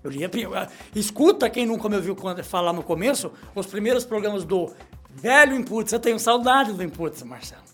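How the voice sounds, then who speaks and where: Speaking into a studio microphone in a small studio, a middle-aged comedic radio host jokes, rambles, and reads out news items with his pitch rising and falling. He sounds expressive, a little fast, and a bit bright, with faint music in the background.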